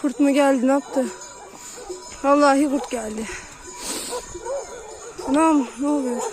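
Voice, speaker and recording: A woman's voice: sits high, fairly even intonation, unhurried, over music. A woman vlogging outdoors while herding, chatting and calling out to her dogs and flock. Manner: calls and shouts to dogs and flock, chatty asides. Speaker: shepherd vlogger. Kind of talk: casual vlog while herding animals. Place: outdoors in open pasture.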